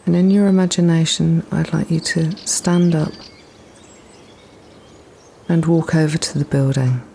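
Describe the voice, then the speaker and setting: Woman, deep gravelly-edged soft voice, near-whispered at times, soothing guided meditation narrator. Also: steady tone, a little hiss or hum. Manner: soothing, gently instructing, unhurried pauses. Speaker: guided relaxation practitioner.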